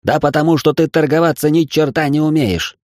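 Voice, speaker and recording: A man voicing a loud, excitable male partner who scolds and bosses in an audiobook reading. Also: medium pitch, normal speed, dry recording, studio quality, voice pushed up, close to an everyday voice. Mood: exasperated. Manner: shouting, exasperated scolding.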